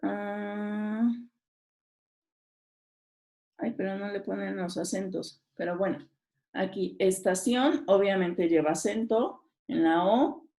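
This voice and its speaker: A woman's voice: mid-range voice, takes it slowly, pauses often, mellow. A woman teacher, reading exam questions aloud and talking through each answer, often checking in with her listeners. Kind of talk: exam review lesson.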